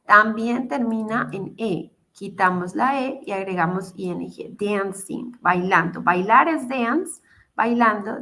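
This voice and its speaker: Her voice is mid-range, pushed and bright as she teaches an online English grammar class. Patient with her students, she goes over each step more than once and keeps asking "¿listo?" to make sure they're following.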